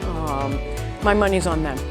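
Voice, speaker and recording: A woman's voice: low-pitched, unhurried, music in the background. A woman speaking about a youth arts program as its leader, enthusiastic and emphatic. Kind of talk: documentary interview.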